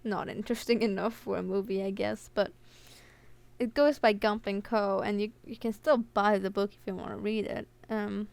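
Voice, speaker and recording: A woman's voice: mid-range voice, fairly even intonation, moderate pace, creaky, darkish tone, clear, resonant tone, no echo. Lisping young woman on a headset mic. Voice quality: slight lisp. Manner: rambling, self-deprecating, many fillers. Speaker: student presenter. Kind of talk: casual school presentation. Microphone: headset on computer, picks up breathing.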